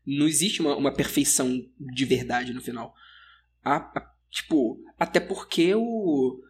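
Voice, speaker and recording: A man's voice: medium pitch, unhurried, slight background noise. A man with a Brazilian Portuguese accent co-hosting a podcast in casual, slangy, grumbling banter. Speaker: podcast co-host.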